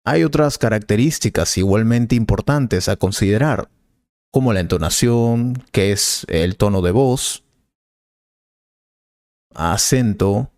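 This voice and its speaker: Calm male professor voiced by a man for a scripted teaching dialogue: patient, slow, dry studio read. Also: fairly low pitch, no echo. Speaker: Spanish teacher.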